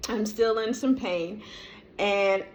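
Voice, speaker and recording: A middle-aged woman vlogger telling a personal story in a casual, animated way, often laughing and praising. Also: mid-range voice, slow pace, slight background noise. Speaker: vlogger sharing a testimony.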